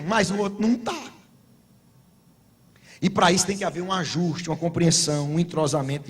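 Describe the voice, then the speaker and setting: Brazilian pastor preaching, high voice. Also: male voice, a bit bright. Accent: Brazilian Portuguese. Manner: storytelling preacher, humorous anecdotes, rising to emphatic exhortation. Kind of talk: sermon at a couples' conference.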